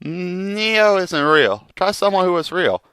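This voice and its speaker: Man playing a lively river fisherman. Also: sits high, slow pace, clean tone, no room sound, studio quality, full character voice. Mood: advising. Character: calm, helpful male river fisherman giving advice. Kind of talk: amateur comic drama dialogue.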